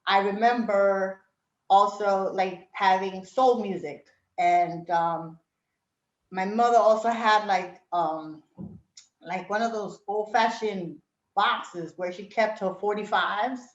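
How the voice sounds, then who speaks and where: A reflective woman born in Puerto Rico and raised in Brooklyn, New York, reminisces slowly in a mid-range voice during a casual interview, with many fillers and frequent laughter. The audio is roomy and lo-fi.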